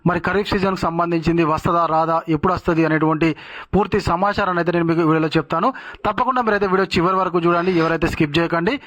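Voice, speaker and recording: Guy doing a news update, high voice, talks super fast, lots of fillers and restarts. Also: steady tone, a bit bright. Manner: rapid, filler-heavy delivery with frequent restarts. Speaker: news channel host.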